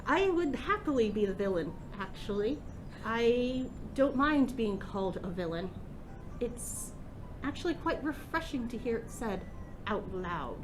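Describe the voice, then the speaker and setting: A menacing old hag, acted out by a woman for a tabletop fantasy game. She taunts theatrically, with lively swings of pitch. The recording is noisy and rumbles underneath. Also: unhurried. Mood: smug. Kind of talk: tabletop game role-play.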